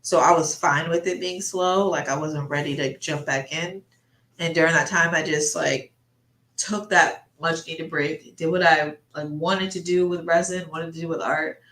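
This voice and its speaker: A woman's voice: sits low, steady tone, normal speed, fairly bright tone. A woman with a stuffy nose, breathing through her mouth, rambling casually and thinking aloud as she livestreams. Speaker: artist livestreamer chatting while painting. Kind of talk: casual chat. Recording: roomy, echoey sound.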